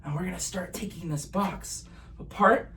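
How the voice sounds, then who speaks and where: A man's voice: sits high, moderate pace, pushed and bright. A man talking like a kids party magician, playful and chatty as he presents a live magic show and addresses viewers as guys. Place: at home in an apartment. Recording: distant mic, noisy room ambience.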